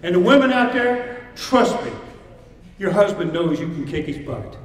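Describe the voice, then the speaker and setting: Guy doing a halftime style pep talk, kinda high voice, big echoey hall, punchy repeated lines. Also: big pitch swings, moderate pace. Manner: rousing, emphatic, with repeated short phrases. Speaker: motivational speaker addressing fighters. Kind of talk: motivational pep speech to fighters, halftime-style. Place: large indoor hall before an audience. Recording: echoey hall, distant mic, crowd present.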